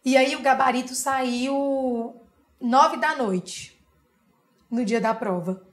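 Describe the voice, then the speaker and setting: A young Brazilian woman, an interview guest, telling a personal story in a lively way and often adding tag questions. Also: high-pitched, slow pace. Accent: Brazilian Portuguese.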